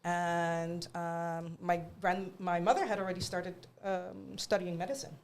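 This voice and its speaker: A woman's voice: on the low side, fairly even intonation, measured pace. A woman from Aruba telling stories conversationally as an interview guest. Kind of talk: conversational family storytelling.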